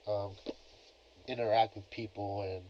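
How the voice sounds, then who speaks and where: On his solo podcast, a young host with a lowish, level voice talks a little slowly, relaxed and rambling with plenty of fillers. The cheap plug-in computer microphone sounds dull and lo-fi, with a bit of hiss or hum.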